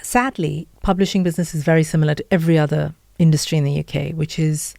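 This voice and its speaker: This time her voice sits low and sounds creaky and dark, with fairly even intonation and a quick pace, on a dry, clean studio recording. The middle-aged podcaster and author, who has an Indian accent, earnestly recounts her story in a candid interview, listing points and quoting her self-talk.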